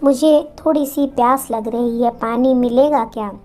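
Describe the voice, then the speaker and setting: A woman's voice: on the high side, steady tone, unhurried, mellow, soft background music, natural voice. A woman voicing a kind, concerned male lawyer who checks on a widow in a spoken story.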